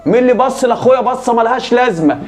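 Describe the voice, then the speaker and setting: A man's voice: very high-pitched, expressive, very fast. A man with an Egyptian accent playing a proud, protective brother who boasts and keeps pressing with questions. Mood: indignant. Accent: Egyptian Arabic.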